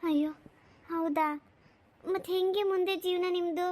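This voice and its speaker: A woman voicing a poor, abandoned young mother in a cartoon, speaking softly and respectfully. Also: very high-pitched, fairly even intonation, unhurried. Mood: caring. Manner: soft, pleading and respectful. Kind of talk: cartoon voice acting.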